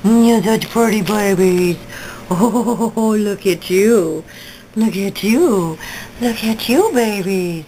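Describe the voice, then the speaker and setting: A woman's voice: mid-range voice, takes it slowly, mellow, a little hiss or hum, low-quality recording. A woman who breeds dogs, cooing baby talk to puppies in a sing-song voice indoors at home. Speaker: dog breeder filming puppies. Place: indoors, home kitchen area.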